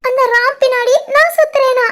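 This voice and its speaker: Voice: very high voice, steady tone, normal speed, bright, forceful tone. A voice artist doing a weepy scheming college girl. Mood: tearful. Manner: sobbing, pleading. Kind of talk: cartoon voice acting.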